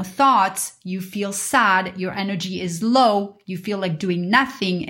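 A woman podcast host teaching in an earnest, instructive spiritual guru manner, in a motivational monologue. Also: medium pitch.

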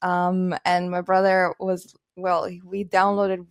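A woman's voice: lowish voice, completely flat delivery, slow pace, gravelly, no echo, clean studio sound. A woman in her thirties from Romania, chatting as an interview guest with many fillers and frequent laughs. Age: 30s. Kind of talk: casual interview.

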